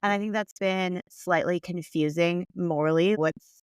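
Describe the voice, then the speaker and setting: A woman's voice: lowish voice, steady tone, a little slow, darkish tone, smooth, no room sound. A woman co-hosting a podcast, explaining things in a casual conversational way. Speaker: podcast co-host.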